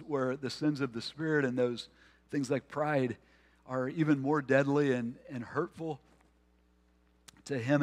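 A man preaching a sermon as a pastor, earnest, restarting phrases and slowing into dramatic pauses on key words. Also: on the high side.

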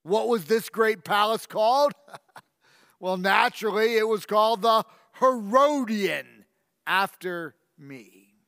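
A vain, tyrannical ancient king, played by a man, who boasts in a high, bright, cutting voice. He speaks slowly and savors every threat, pompous and menacing. The close, dry voice trails off into a long hall reverb. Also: exaggerated voice. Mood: boastful. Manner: pompous, menacing, with slow drawn-out emphasis. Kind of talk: first-person dramatic monologue.

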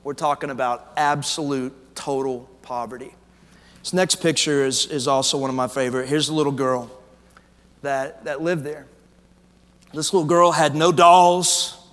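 A man's voice: on the high side, fairly even intonation, normal speed, a bit bright. A man, a pastor, telling stories in a casual way during a sermon and interviewing a guest on stage. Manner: casual, storytelling delivery. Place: large church auditorium. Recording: long hall reverb.

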